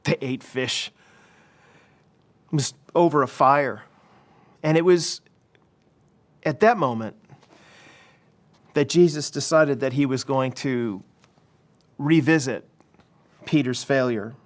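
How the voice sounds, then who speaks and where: A pastor preaching at a church service, retelling a story in a lively way with frequent restarts. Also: male voice, mid-range voice, slow pace, long pauses. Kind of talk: sermon.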